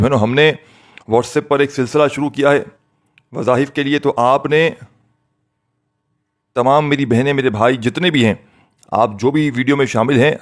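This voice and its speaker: Man, earnest preacher, medium pitch, repetitive appeals, direct address to viewers. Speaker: spiritual teacher.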